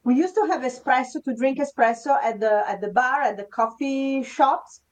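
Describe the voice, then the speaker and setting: A woman's voice: high voice, normal speed, darkish tone, rough recording. A woman, speaking English as a guest on a podcast, explaining in a hesitant way with restarts. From Italy. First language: Italian. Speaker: podcast guest, leadership consultant. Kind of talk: casual interview chat.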